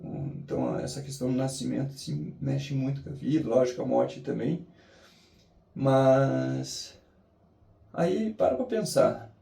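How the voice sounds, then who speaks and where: A Brazilian man talking reflectively and motivationally to a vlog audience, musing haltingly with drawn-out pauses. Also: medium pitch, sing-song, vocal fry, warm tone. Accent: Brazilian Portuguese. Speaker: daily challenge vlogger. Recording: roomy echo, distant mic.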